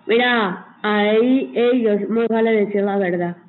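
A woman's voice: mid-range voice, measured pace, a little hiss or hum. A woman giving earnest advice over a call-in chat. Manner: earnest, advising. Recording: tinny phone line.

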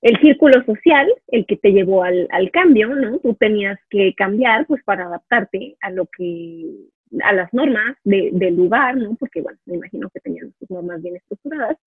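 A podcast host with a husky, expressive mid-range voice conducts a casual interview at a moderate pace. She's reflective and thinks aloud, often ending phrases with a questioning "¿no?". The sound is tinny and dry, like a phone line.

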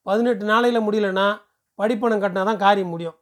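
A man voicing a pushy, smooth-talking male temple ticket seller who lectures briskly and persuasively. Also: high-pitched, steady tone, lightly acted. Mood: brisk lecturing.

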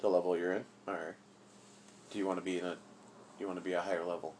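A man's voice: low voice, flat delivery, quick pace, a little mellow, slight background noise. A man chatting casually with his child as her father, asking playful, probing questions. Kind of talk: casual chat.

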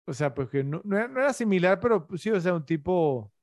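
Opinionated man, higher voice, dry sound. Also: animated, fast talker, darkish tone, no room sound. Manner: opinionated, questions the others. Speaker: podcast co-host. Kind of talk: casual film chat.

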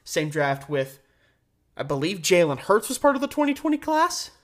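A man hosts a sports podcast solo, offering strongly opinionated commentary at normal speed. His pitch swings widely and very lively, and he leans on emphasis, drawing out key words for stress.

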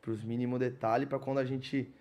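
A man's voice: medium pitch, flat delivery, moderate pace, a little mellow, highs cut off. A man, chatting casually and slangily as a podcast co-host, often cutting in. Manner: slangy, interjecting. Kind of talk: casual interview chat.

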